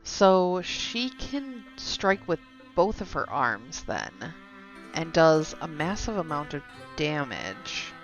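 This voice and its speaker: This woman streams a game in a deep, sing-song voice at a slow pace, reading the story text aloud, stumbling at times, and addressing viewers on the side. Game music runs under the dull, lo-fi recording.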